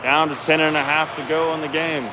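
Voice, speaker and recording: Casting: male amateur-style hockey play-by-play caller, informal, slightly high voice, echoey arena sound with clear background noise. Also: flat delivery, a little fast. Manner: informal, colloquial, chatty with exclamations. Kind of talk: casual live sports commentary. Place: echoey indoor ice hockey rink. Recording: echoey noisy rink, ambient clatter. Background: clear rink noise and ambience.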